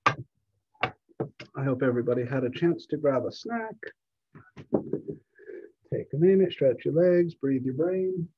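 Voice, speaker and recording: A male instructor with a slightly husky, fairly high voice talks a class through the material in an easygoing, encouraging way. He speaks from home into a computer mic, and the video call audio comes through dull and lo-fi. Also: takes it slowly, long pauses. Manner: relaxed, encouraging, with frequent fillers. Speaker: college math instructor. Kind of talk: live online lecture.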